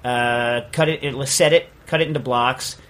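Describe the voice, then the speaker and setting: A man's voice: mid-range voice, fairly even intonation, moderate pace, fairly bright tone. Male radio host, casual studio banter, loose, joking delivery with plenty of "uh"s. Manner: loose, joking, rambling with many fillers.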